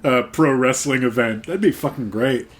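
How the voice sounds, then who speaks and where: A man's voice: mid-range voice, normal speed. A man co-hosting a casual podcast chat with dry, wry humor. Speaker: podcast co-host.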